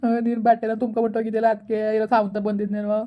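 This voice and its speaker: A woman's voice: a little high, flat delivery, racing, lightly acted. Woman playing a meek village husband. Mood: sheepish. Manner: pleading, placating. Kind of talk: comic village skit. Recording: dull lo-fi audio.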